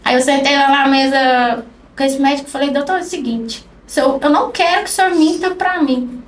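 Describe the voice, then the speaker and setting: A woman guest on a podcast telling an emotional personal story, acting out the dialogue in soft-spoken speech. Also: sits high, brisk. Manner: acts out quoted dialogue, speaks softly. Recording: roomy, distant mic with faint noise.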